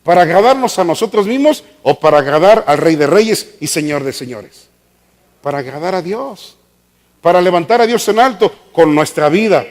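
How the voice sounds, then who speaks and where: A man's voice: sits high, expressive, darkish tone. A man preaching a sermon, questioning the congregation and stretching out emphatic words. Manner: call-and-response questioning, drawn-out emphatic words. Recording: long reverb of a church hall.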